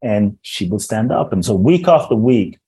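A man's voice: on the low side, big pitch swings, moderate pace, dark tone, slightly rough, dry recording, low-quality recording. A man from Ghana who grew up in London, a transformational teacher, speaking earnestly and measuredly as a podcast guest with frequent restarts. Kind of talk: reflective podcast storytelling.

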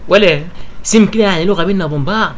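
A man's voice: high voice, very fast, lightly acted. An actor playing an exasperated, hot-tempered father with an Egyptian accent, scolding and moaning in a radio comedy. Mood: scheming.

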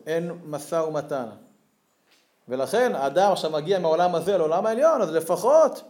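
A man's voice: a little high, darkish tone, reverberant. A man giving a religious Torah lesson, telling stories expressively and rising to emphatic peaks. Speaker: Torah teacher.

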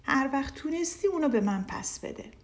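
A cheerful, generous young village man in a children's storybook, speaking reassuringly, as a woman narrator puts him on. His voice is lively and somewhat high.

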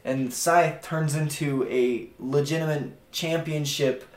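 A man's voice: fairly high pitch, fairly even intonation, takes it slowly. A man narrating a tabletop game as dungeon master in a casual, joking way. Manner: casual, laughs at his own narration. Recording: echoey room with faint noise.

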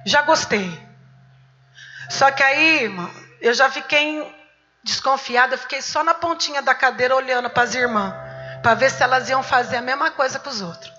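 A woman's voice: sits high, moderate pace, sharp tone. A middle-aged woman with a Brazilian Portuguese accent giving a church testimony, telling her story vividly, acting out dialogue and exhorting the congregation. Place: church service. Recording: muffled recording with music behind.

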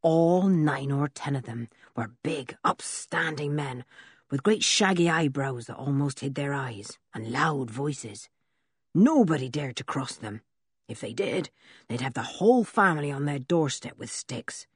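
A woman voicing an old male village blacksmith who tells a story slowly and in a rustic way, with a husky voice. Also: very deep voice, expressive, no room sound, clean studio sound, exaggerated voice. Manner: slow, drawn-out, rustic storytelling. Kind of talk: audiobook character reading.

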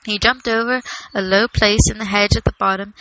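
A woman reading a novel aloud in a plain, steady way, with small slips. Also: medium pitch, a little fast, no echo, poor audio. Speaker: reader.

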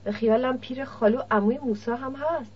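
A shrewd, older village middleman probes and teases in his speech, read by a woman narrator. The voice is husky and sits a little high. The audiobook sound is dull and lo-fi. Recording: dull lo-fi recording.

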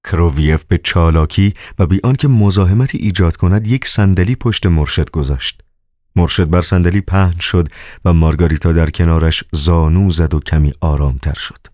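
A man narrating a novel as an audiobook in a measured, calm way. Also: sits low, no echo, studio quality.

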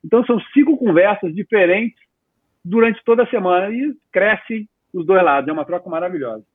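A man in his fifties chats animatedly about his work, loose and full of slang. His voice sits a bit high and husky, dry and close. It comes through a narrow, phone-like line. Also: fairly quick, dry recording. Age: 50s. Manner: animated, talkative, casual slang. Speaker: guest, entrepreneur. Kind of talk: casual interview talk.

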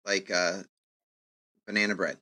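A man co-hosting a casual comedy chat, agreeable and quick to chime in. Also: low-pitched, level tone, sharp tone, dry recording. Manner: agreeable, chiming in with quick affirmations. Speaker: co-host.

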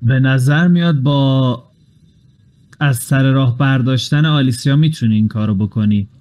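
A man at a mid pitch, running a tabletop game as its master. He explains each rule patiently, step by step, and slips English game terms in between. His delivery is casual and conversational. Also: darkish tone.

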